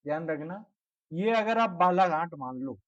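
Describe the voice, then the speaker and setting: A high-pitched man runs an online exam-prep class, repeating each question and answer for his students. He cuts in with teasing jokes and scolding asides. The audio sounds dull and slightly muffled. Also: lively intonation, moderate pace. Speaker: exam coaching teacher.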